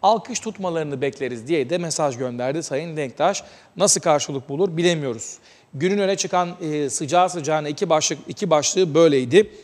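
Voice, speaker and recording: A man hosting a TV talk show, giving news commentary with a measured delivery and many hesitant filler sounds. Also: a little high, a little mellow, long reverb tail.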